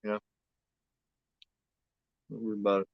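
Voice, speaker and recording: A man's voice: fairly low pitch, completely flat delivery, normal speed, vocal fry, dry recording. Rambling fifty-year-old man, muffled audio. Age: 50s. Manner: rambling, repeats himself, frequent fillers and swearing. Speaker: host. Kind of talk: casual watch-along commentary.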